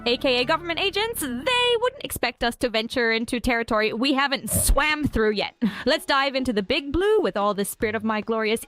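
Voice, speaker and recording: A woman's voice: high voice, lively intonation, a little fast, a bit bright, soft background music. A synthetic woman's voice playing a cheery young female cartoon fish, bubbly and full of sea puns. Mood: excited.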